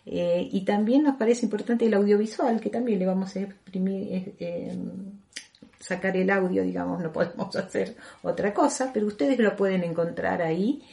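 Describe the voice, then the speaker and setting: A woman's voice: medium pitch, moderate pace, vocal fry, dark tone. A woman hosting a radio program, chatting casually and hesitantly with many fillers. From Argentina. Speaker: radio host.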